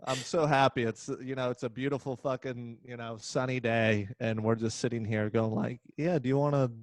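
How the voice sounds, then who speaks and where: A man's voice: medium pitch, level tone, moderate pace, dry recording. A man hosting a casual podcast over a video call, sarcastic and swearing freely. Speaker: podcast host.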